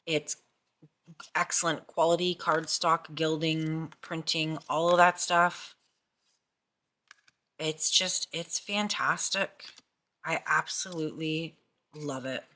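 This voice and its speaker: A woman's voice: low voice, fairly even intonation, takes it slowly, pauses often, sharp tone. A middle-aged woman chatting casually about tarot decks, gushing and often repeating herself. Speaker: tarot vlogger. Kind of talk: casual chat.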